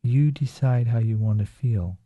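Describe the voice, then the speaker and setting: Slow soothing man guiding relaxation. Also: mid-range voice, dry recording. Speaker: relaxation guide. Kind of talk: guided relaxation script. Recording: dull lo-fi recording.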